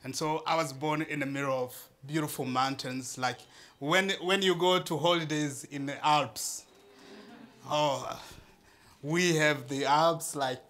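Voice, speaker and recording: Bright-voiced man addressing an audience. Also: fairly high pitch, steady tone. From Eastern Democratic Republic of Congo. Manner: earnest, laughs often, halting with fillers and restarts. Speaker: founder of a charity speaking at an event. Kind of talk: speech to a live audience.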